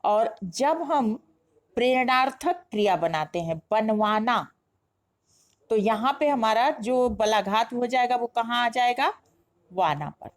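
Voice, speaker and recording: A woman's voice: on the high side, expressive, takes it slowly. A woman teaching a grammar lesson, explaining step by step and asking herself questions before answering them. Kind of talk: classroom-style lesson explanation.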